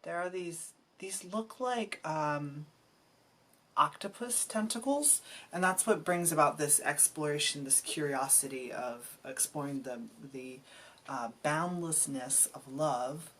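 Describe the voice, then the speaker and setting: A low-pitched woman reads tarot cards aloud at an unhurried pace, searching for words and restarting her thoughts as she goes. Faint ambient noise sits behind her voice. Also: fairly bright tone. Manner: musing, halting, emotional, trails off and restarts. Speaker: tarot reader. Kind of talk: intuitive tarot reading.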